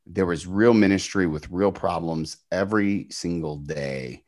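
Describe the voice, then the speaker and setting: A middle-aged man, a podcast guest, telling his faith story in an earnest, animated way with emphatic bursts. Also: low-pitched, a little slow. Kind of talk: storytelling testimony.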